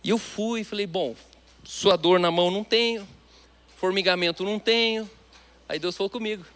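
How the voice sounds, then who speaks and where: A male pastor with a Brazilian Portuguese accent delivers a sermon in a fairly high voice. He preaches with emphasis, switching often between loud declarations and quiet, hushed asides. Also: normal speed, clear, resonant tone.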